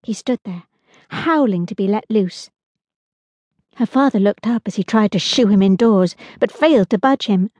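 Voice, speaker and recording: A woman narrating a children's audiobook in a lively, expressive storytelling manner. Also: mid-range voice, moderate pace, no echo.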